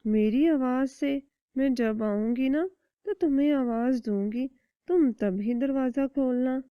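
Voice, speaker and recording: A woman voicing a worried, gentle mother hen. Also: high-pitched, clear, resonant tone, no room sound, voice pushed up, natural voice. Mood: instructing. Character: anxious caring mother hen. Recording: dry, dull lo-fi recording.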